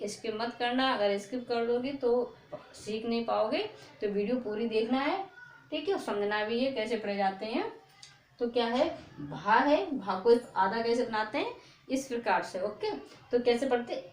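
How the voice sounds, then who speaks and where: A woman teaching a reading lesson, stretching out each word slowly and checking in with "okay" after each one. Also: fairly high pitch. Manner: slow, drawn-out repetition of words, frequent "ok" checks. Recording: echoey room.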